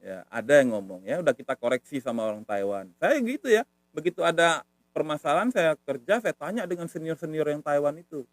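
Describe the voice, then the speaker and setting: A man's voice: a little high, very animated, brisk, no room sound. A man from Medan, Indonesia, giving a casual online language lesson, patiently repeating words to demonstrate tones. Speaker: language teacher.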